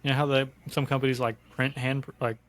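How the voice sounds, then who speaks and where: A man's voice: medium pitch, little pitch movement, quick pace, fairly bright tone. A man co-hosting a casual podcast, cracking playful, teasing jokes. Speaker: podcast co-host. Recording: clear background noise.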